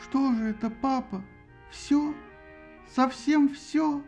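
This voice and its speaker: Male narrator voicing a young goddess, shrill and tearful, pleading with her father, high-pitched, gravelly edges, audiobook. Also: slow, a little mellow, soft background music, exaggerated voice. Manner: whining, shrieking pleas.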